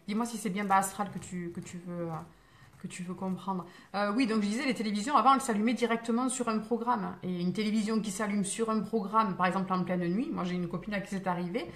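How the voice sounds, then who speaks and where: Rambling French woman medium on a live stream. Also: medium pitch. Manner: digressive, many fillers and restarts, reassuring tone. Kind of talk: rambling casual live talk, answering viewer comments. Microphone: phone.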